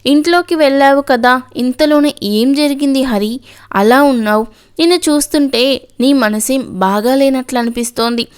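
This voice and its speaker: Woman narrator voicing a steady consoling man in an audio story, firm, clear. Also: high voice, moderate pace, lightly acted. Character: steady caring male friend, consoling elder.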